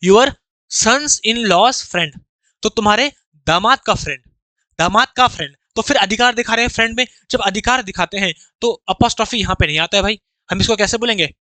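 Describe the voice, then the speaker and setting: Upbeat indian guy teaching grammar for exams, high ringing voice, dry close sound. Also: fast talker, dry recording. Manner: energetic, chatty, calls students "bhai". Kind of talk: exam-prep grammar lesson.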